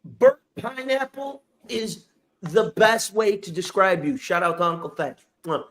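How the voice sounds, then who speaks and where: A man's voice: high voice, unhurried, fairly bright tone. A man hosting a podcast, delivering a profane comedic roast full of crude mocking insults. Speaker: podcast host.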